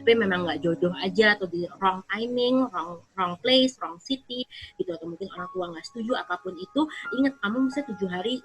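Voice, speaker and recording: Perempuan bicara cepat dan bersemangat. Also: female voice, medium pitch, fast talker. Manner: animated, mixes English phrases, slangy. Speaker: guest giving advice. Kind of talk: casual advice chat. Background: background music.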